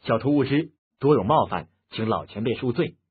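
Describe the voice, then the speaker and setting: A man voicing a calm, polite middle-aged swordsman with a soft, courteous manner. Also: medium pitch, normal speed, breathy edge. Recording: muffled phone-like lo-fi audio.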